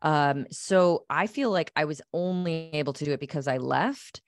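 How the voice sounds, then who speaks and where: Woman's voice, very low pitch, dry recording, casual thinking-aloud podcast chat, from upstate New York. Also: animated, moderate pace, dry recording. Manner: reflective, thinks aloud with many "like"s.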